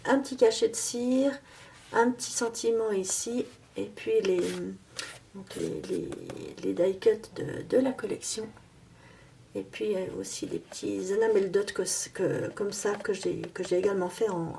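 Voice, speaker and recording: Hesitant woman with a mellow voice. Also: mid-range voice, fairly even intonation, normal speed, vocal fry, slight background noise. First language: French. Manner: hesitant, many fillers and restarts; sometimes drops to a soft, near-whispered aside while handling objects. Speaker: craft tutorial host. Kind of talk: casual crafting tutorial.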